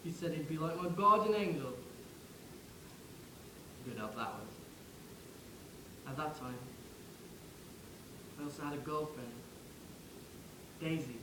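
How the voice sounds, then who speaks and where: Speaking slowly and leaving long pauses, a man with a highish voice plays the wry ghost of a young English soldier killed in the First World War. He addresses the listener directly in a wistful, conversational monologue, and the echoey room carries a noisy background.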